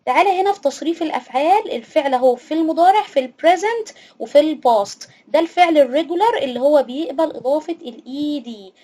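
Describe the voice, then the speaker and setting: Woman, Egyptian Arabic accent, high voice, teacher, slow drawn-out repetition. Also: lively intonation, mellow. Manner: repeats words slowly, drawing them out. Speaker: English teacher. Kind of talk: vocabulary lesson for children.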